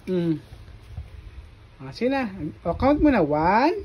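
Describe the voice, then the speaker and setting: A mother in a casual home video, gently coaxing her toddler son and repeating simple questions over and over. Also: medium pitch, big pitch swings, takes it slowly, husky, lo-fi sound.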